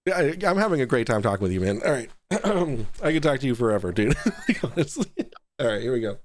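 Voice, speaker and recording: A man from the Boston area hosting a casual video call talk show, chummy and quick to laugh. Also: mid-range voice, a little hiss or hum. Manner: laughs often, chummy and relaxed. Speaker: host.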